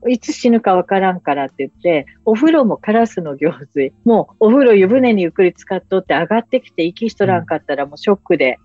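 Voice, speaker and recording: A woman with a Hakata dialect explains her home nursing work in an animated, storytelling way. Her voice has a warm, mellow tone and swoops widely in pitch. The recording is dry and a little dull, with faint music underneath. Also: fast, hardly any pauses, no echo. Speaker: remote monitoring nurse. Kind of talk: explanatory interview talk.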